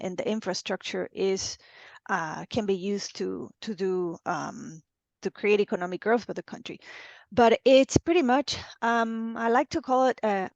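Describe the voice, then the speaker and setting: Woman, 40s, consultant guest, halting, dull dry call audio. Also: mid-range voice, no room sound. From Venezuela. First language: Spanish. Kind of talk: casual video-call interview. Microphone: video call.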